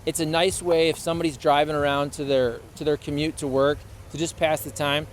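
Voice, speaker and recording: A man's voice: fairly high pitch, flat delivery, fairly quick, a little hiss or hum. Chatty man in his thirties. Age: 30s. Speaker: podcast co-host. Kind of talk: casual chat.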